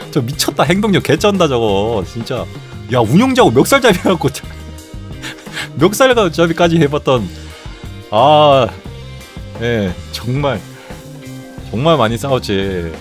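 A middle-aged man hosting a casual live stream, telling stories in a rough, profane, animated way. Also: medium pitch, takes it slowly, long pauses, faint music behind. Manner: profane, animated storytelling with constant swearing. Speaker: streamer host.

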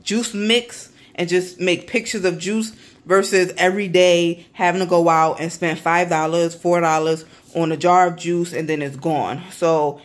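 A woman, chatting casually to viewers through a grocery haul vlog in her apartment kitchen. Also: on the low side. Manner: chatty, talks straight to viewers as y'all. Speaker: vlogger. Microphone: handheld phone camera.

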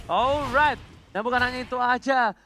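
Male esports caster, very high voice, excitable live calls, loud music underneath. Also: moderate pace. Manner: excitable, dramatic calls with English catchphrases. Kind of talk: live play-by-play esports commentary.

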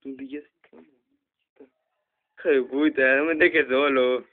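A man's voice: medium pitch, fairly even intonation, slow pace. A young man with a Mexican Spanish accent commentating a horror game, swearing nonstop and yelping in panic. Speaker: gamer host. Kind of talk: let's play commentary. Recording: tinny lo-fi phone recording.

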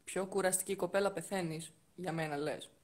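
A woman's voice: on the low side, fairly even intonation. Teasing woman hosting a live stream. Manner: teasing, coaxing viewers and guests. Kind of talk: casual live-stream chat. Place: indoors next to a heater.

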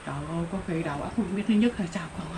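A woman's voice: fairly low pitch, rapid-fire. Older Southern Vietnamese woman, plain-spoken. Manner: plain-spoken, rambling, with exclamations. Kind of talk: casual rural storytelling. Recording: noticeable background noise.

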